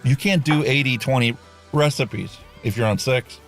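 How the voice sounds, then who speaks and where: A man hosting a casual talk show, relaxed and chatty, explaining equipment and mixing in detail. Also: medium pitch, moderate pace, music in the background. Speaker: host. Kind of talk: casual chat.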